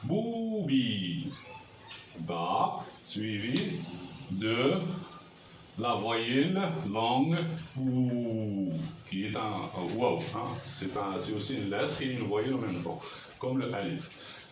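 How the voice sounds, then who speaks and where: A man's voice: on the low side, animated, slow pace. A man teaching a language lesson at a board, patiently repeating sounds and checking that everyone follows. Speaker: Arabic teacher. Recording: roomy echo, mic far off, faint noise.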